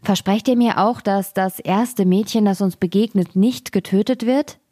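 A woman voicing a gentle, protective young boy, the youngest brother in a fairy tale, in an earnest storybook voice. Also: mid-range voice, normal speed, no room sound, studio quality, natural voice. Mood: teasing.

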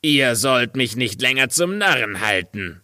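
A man's voice: medium pitch, very animated, measured pace, sharp tone, dry recording, studio quality, pitched above the performer's own voice, full character voice. A man playing a hot-tempered old tailor in a storybook reading, scolding and indignant. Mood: enraged.

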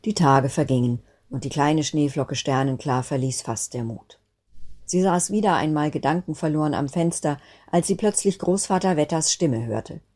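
A woman narrating a Christmas children's story in a gentle, expressive reading manner. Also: low-pitched, moderate pace, husky. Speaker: guest storyteller.

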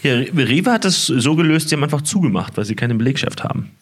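A man's voice: a little high, animated, fast talker, breathy edge. A hungover man co-hosting a podcast in casual chat, joking at his own expense. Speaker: podcast co-host.

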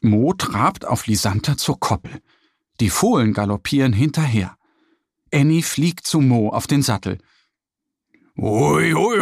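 A man narrating a children's story in a slow, lively, slightly husky voice. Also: fairly low pitch, dry recording, clean studio sound.

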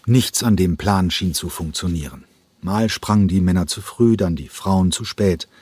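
A man narrating a novel in a steady, measured storytelling manner. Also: sits low, slightly rough, no echo. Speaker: audiobook narrator. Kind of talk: scripted narration.

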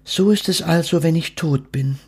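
A man voicing a small, curious female duck in a storybook reading, raising his voice softly and asking many questions. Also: on the high side, normal speed, breathy edge, pitched above the performer's own voice. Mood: curious, wondering. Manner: raised, soft questioning voice.

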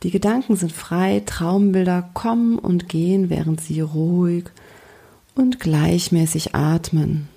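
A woman coach leading a guided relaxation in a slow, soothing, gentle way. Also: lowish voice, steady tone, creaky, slightly rough. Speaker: coach and podcast host.

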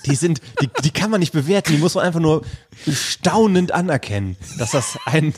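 A man's voice: fairly high pitch, lively intonation, a little fast, darkish tone, a little hiss or hum. A man co-hosting a podcast, reacting to his partner with teasing questions and short interjections. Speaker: podcast co-host. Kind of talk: casual chat.

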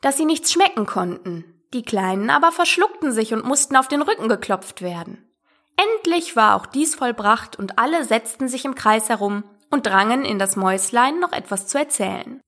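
A woman narrating a storybook aloud in an expressive reading style. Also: fairly high pitch, moderate pace. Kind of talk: audiobook reading.

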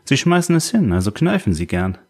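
A man reading an audiobook, voicing a male psychiatrist who speaks seriously and deliberately. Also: medium pitch, sing-song, voice pushed up. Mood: bitter. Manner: serious and measured.

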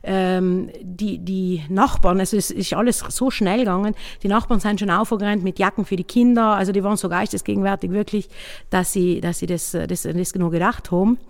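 A woman innkeeper with a South Tyrolean German accent, telling her own story in a halting, casual way, often searching for words. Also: medium pitch, steady tone, creaky, big-room sound. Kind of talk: personal account, casual spoken.

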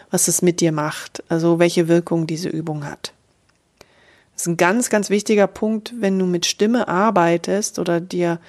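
A woman's voice: lowish voice, darkish tone. A woman voice coach explaining a voice exercise on her podcast, speaking straight to the listener in an encouraging way. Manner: encouraging, direct address to listener. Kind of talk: podcast voice lesson. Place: podcast recording.

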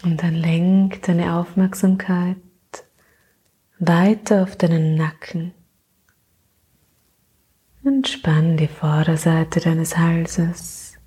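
A woman slowly narrating a soothing sleep meditation in a hushed, half-whispered voice, calm, with gentle pauses between phrases. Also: fairly low pitch, slightly rough. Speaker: guided meditation narrator and podcast host.

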